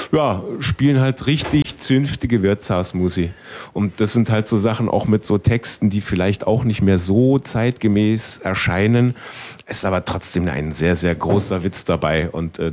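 A man's voice: fairly low pitch, a little mellow. A man from West Berlin, a band member chatting in a rambling way with many fillers during an interview. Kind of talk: casual interview chat.

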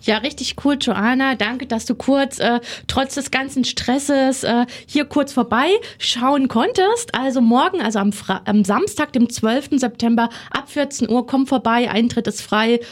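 A woman's voice: sits high, a little slow, hardly any pauses. A woman hosting a casual radio interview in an informal, enthusiastic, colloquial way. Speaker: radio host.

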